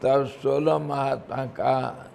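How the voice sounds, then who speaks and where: A man giving a slow devotional scripture discourse as a swami, pausing often, chuckling between points and mixing chanted verses into his talk. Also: medium pitch, fairly even intonation, gravelly, a little mellow, a little hiss or hum.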